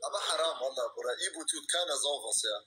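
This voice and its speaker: A man's voice: medium pitch, fast talker, sharp tone. A man in his thirties co-hosting a livestream over a phone video call, chatting casually in slang. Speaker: livestream co-host.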